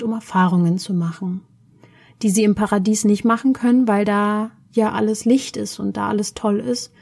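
A woman's voice: medium pitch, vocal fry, dark tone. A woman from Berlin casually telling a personal story in a reflective way, often searching for words. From Berlin, Germany.

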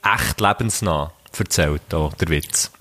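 A man's voice: low-pitched, takes it slowly, a bit bright. A man with a Swiss German accent co-hosting a podcast, playful and talkative. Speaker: podcast co-host. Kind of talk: casual banter.

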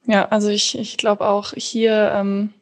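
A woman's voice: mid-range voice, completely flat delivery, unhurried. A woman hosting a podcast, talking casually in long, chained thoughts. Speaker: podcast host. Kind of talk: casual conversational podcast talk.

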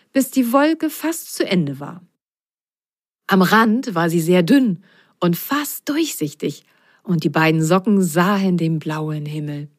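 Slow, expressive woman reading a bedtime story. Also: lowish voice, no room sound, studio quality. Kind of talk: reading a children's story aloud.

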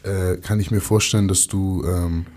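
A man's voice: sits low, flat delivery, normal speed, darkish tone, slight background noise. A man hosting a casual chat, asking long, searching questions and checking in with his guests. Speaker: host and football player.

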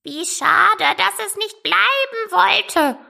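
A woman's voice: very high-pitched, lively intonation, slow pace, creaky, pushed and bright, voice pushed up, heavily acted. A woman voicing a fussy, nosy parrot who asks questions in a lilting tone. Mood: curious.

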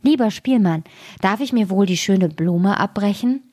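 A woman voicing a spiteful old witch who calls out in a raised, drawn-out voice in a fairy-tale reading. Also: mid-range voice, expressive, a little mellow, close to an everyday voice. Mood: sly.

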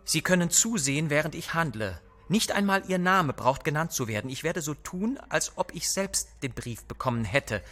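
A man voicing a grim, resolute schemer who gives orders in a forceful, raised voice. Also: a little high, lively intonation, normal speed, few pauses, faint music behind, voice pushed up.

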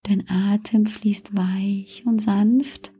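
A woman leads a guided relaxation in the manner of a sleep story narrator. Her voice is mellow and breathy, often sinking toward a whisper. She speaks very slowly and soothingly, leaving long pauses between gentle suggestions. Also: medium pitch, steady tone.

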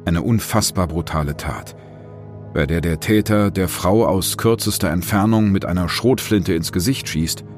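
A man's voice: low voice, moderate pace, soft background music. A man narrates a scripted true-crime story as host, with dramatic, suspenseful phrasing in short pointed sentences.

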